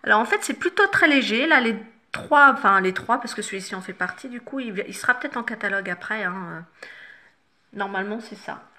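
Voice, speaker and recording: Woman makeup vlogger, chatty and loose, bright forward tone, lots of fillers and restarts. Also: mid-range voice, expressive, a little fast. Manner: chatty, many fillers and self-corrections. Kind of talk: casual makeup tutorial chat. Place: home, no studio lighting.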